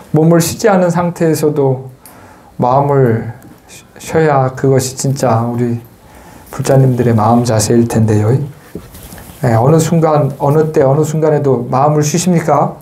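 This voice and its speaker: A man's voice: mid-range voice, steady tone, measured pace. A man, a Buddhist monk, giving a Sunday dharma talk in a temple hall, chatty and teasing his listeners. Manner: chatty and joking, teases the listeners, shouts chants to demonstrate. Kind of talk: sermon.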